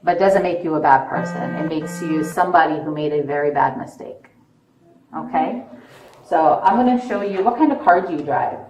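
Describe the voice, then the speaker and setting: A woman police officer questioning a suspect in a measured, persistent, probing way. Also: low-pitched, a little mellow, soft background music. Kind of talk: interrogation, calm questioning. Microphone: police bodycam. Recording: echoey, distant body camera audio with noise.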